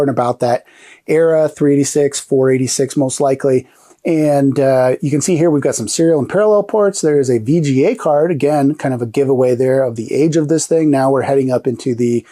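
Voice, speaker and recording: A man's voice: on the high side, dark tone. Slightly nasal, upbeat middle-aged man. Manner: chatty, upbeat, loose with fillers. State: congested, recovering from illness. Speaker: host. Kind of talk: casual retro computer show.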